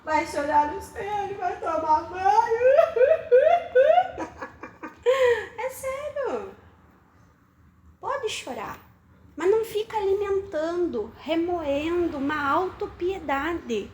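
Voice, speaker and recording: Very high-voiced emphatic woman preacher. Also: unhurried. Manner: emphatic, questions the congregation, repeats for stress. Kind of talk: sermon. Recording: echoey room.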